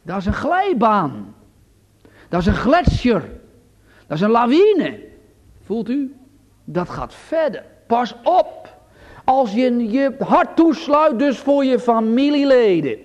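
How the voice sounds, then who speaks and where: Male preacher in a church, dramatic delivery with loud appeals and quiet asides; high, very animated voice. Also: slow pace, pauses often, muffled recording. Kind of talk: sermon.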